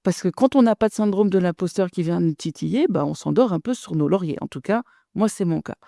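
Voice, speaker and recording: A woman's voice: fairly low pitch, a little fast, vocal fry, mellow, no room sound, clean studio sound. A middle-aged woman business coach talking to listeners in a direct, chatty podcast monologue.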